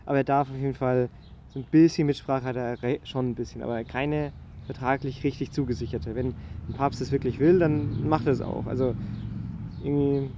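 A man's voice: medium pitch, steady tone, brisk, noisy background. A man in a casual study discussion, talking hesitantly with many fillers and restarts. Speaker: student discussing a historical document.

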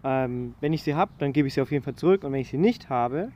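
A man's voice: mid-range voice, animated, fast, warm tone, a little hiss or hum. A man in a casual study discussion, talking hesitantly with many fillers and restarts. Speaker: student discussing a historical document.

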